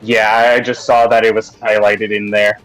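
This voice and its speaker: A man's voice: lowish voice, flat delivery, normal speed, fairly bright tone, dry recording, rough recording. A man playing a tabletop game, chatting casually, hesitantly thinking aloud and joking. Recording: music playing behind. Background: background music.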